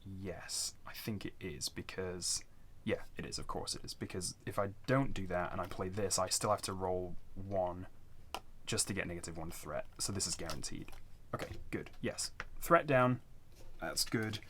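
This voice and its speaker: A man with a low, fairly bright voice narrates a solo board game playthrough, offering casual, unscripted commentary and hesitantly talking himself through his choices. He speaks at a moderate pace, and the recording has a slight hiss or hum.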